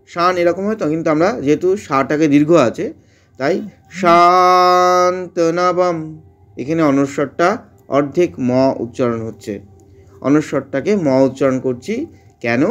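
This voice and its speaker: A man teaching Sanskrit verse pronunciation, chanting lines slowly syllable by syllable between short explanations. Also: mid-range voice. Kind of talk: slow syllable-by-syllable pronunciation lesson.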